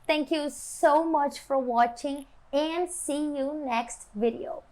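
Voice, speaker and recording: A Brazilian woman with a fairly high voice gives a friendly English lesson. She explains patiently and stretches out the example phrases with exaggerated intonation. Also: very slow, a little mellow. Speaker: English teacher.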